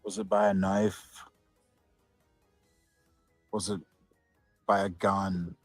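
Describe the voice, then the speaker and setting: A man's voice: low-pitched, flat delivery, extremely slow, no echo, faint music behind. A man talking casually as a paranormal investigator during a ghost hunt, putting questions to spirits.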